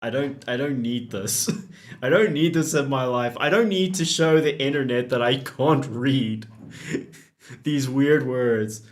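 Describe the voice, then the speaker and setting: A man hosting a let's play, reading game dialog aloud and reacting to it. He is giggly and self-mocking and swears casually, talking at an unhurried, drawn-out pace in a mid-range voice. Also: medium pitch.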